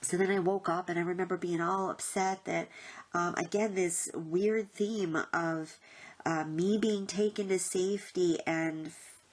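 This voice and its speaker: Earnest low-voiced woman vlogger. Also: fairly even intonation, a little slow. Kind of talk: casual talk to camera, recounting a dream.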